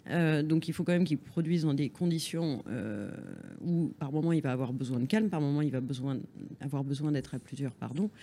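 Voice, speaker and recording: A man speaking as a panelist in a discussion, in a halting way, correcting himself as he argues. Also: on the high side, mellow. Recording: faint background noise and ambience.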